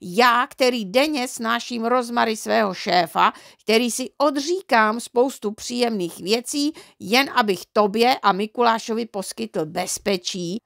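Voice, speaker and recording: Žena čtoucí podrážděného otce. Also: female voice, medium pitch, animated, gravelly, hardly any pauses, a bit bright. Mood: exasperated, angry. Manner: exasperated outbursts. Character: harried, exasperated father of a boy. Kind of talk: audiobook character reading.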